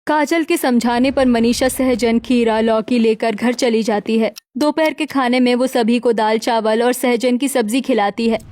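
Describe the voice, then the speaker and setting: A woman's voice: fairly high pitch, fairly even intonation, moderate pace, few pauses, darkish tone. Woman narrating a cartoon story.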